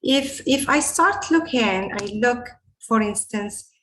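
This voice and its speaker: A woman's voice: fairly high pitch, expressive, fairly bright tone, slight background noise, low-quality recording. A middle-aged woman gives a lecture over a video call. She speaks earnestly and often restarts her sentences. The sound comes through a webcam microphone in an indoor room. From Morocco. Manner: earnest, halting phrasing with frequent restarts. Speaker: invited lecturer, scientist. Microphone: video call webcam mic.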